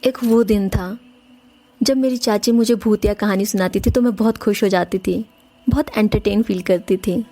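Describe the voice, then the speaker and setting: A woman's voice: mid-range voice, fairly even intonation, normal speed, dark tone. A woman narrating a first-person horror story in an earnest, emotional way, speaking directly to her listeners. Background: faint music.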